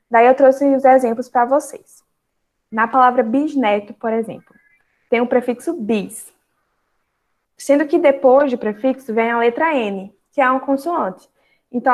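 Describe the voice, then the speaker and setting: A young woman with a Brazilian Portuguese accent and a fairly high voice teaches an online grammar lesson. She explains step by step, slowly spelling out syllables, and uses frequent fillers.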